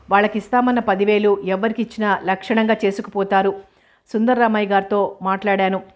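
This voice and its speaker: A woman reading the lines of a calm, joking elder brother in a storybook. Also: medium pitch, natural voice. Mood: soothing.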